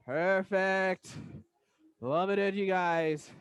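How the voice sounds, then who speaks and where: Male aerobics instructor, very high register, driving and motivational cueing, dry sound. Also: drawn-out words, clear, resonant tone, dry recording. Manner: energetic, motivational aerobics instructor calling out cues and countdowns. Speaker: aerobics instructor leading a workout class. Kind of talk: fitness class coaching, counted cues.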